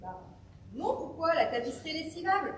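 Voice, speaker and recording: A woman's voice: high-pitched, sing-song, a little fast, a bit bright. A woman playing a fussy older mother who is eager for grandchildren, in an amateur stage play. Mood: doting. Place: theatre stage. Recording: echoey hall from far off, noise.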